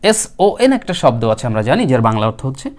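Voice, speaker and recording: A male teacher giving a spoken English lesson, who patiently repeats words slowly for learners. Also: medium pitch, big pitch swings, darkish tone.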